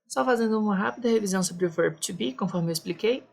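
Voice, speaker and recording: A woman's voice: medium pitch, fast, creaky, darkish tone. A woman teaching a beginner lesson, patiently explaining each point twice. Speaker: English teacher.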